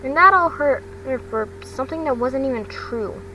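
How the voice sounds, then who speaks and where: Recorded from a distant mic under loud rumbling noise, a woman with a high, animated voice reads her fan fiction aloud as an amateur. The scripted narration comes out haltingly, with stumbles over words.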